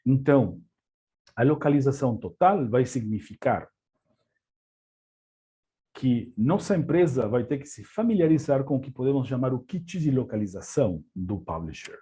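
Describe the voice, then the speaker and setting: A man's voice: mid-range voice, dark tone. A man from Argentina, a native Spanish speaker with an Argentine accent, gives a webinar presentation, often hesitating, with many fillers and repeated words.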